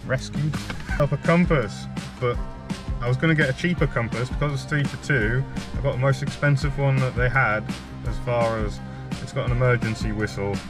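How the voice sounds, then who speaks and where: A man talking casually as a vlogger, rambling a little, with wry, self-deprecating understatement. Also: lowish voice. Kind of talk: casual chat to camera.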